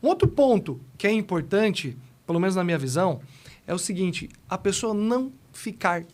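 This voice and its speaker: A man co-hosting a casual podcast, explaining things in a calm, methodical way. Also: high voice, normal speed. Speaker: podcast co-host.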